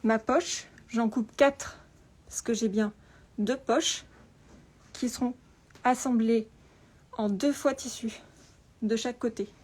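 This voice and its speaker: A woman presenting an informal tutorial through a face mask, speaking carefully and deliberately with frequent pauses and a slightly muffled sound. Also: on the high side, steady tone, a little mellow. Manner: careful, deliberate, often pausing. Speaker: patternmaker presenting a lesson. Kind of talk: spoken tutorial with informal explanations. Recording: clear background room noise.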